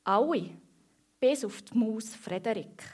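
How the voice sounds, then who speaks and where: Slow woman telling a children's story. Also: fairly high pitch, expressive, darkish tone, husky.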